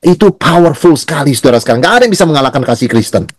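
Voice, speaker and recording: A man's voice: on the high side, expressive, very fast, no room sound. A male pastor teaching a Bible study in a conversational way, often asking and answering his own questions. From Indonesia.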